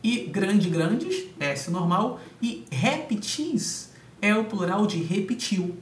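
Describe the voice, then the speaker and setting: A man's voice: high-pitched, lively intonation, slow pace. A man teaching grammar, going through exam answers step by step and often checking in with his students. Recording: echoey room, distant mic, faint hum.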